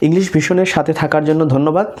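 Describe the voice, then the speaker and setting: A man with a Bangladeshi accent teaching English pronunciation, repeating each word slowly and deliberately. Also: fairly high pitch, fairly even intonation, darkish tone. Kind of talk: slow pronunciation lesson.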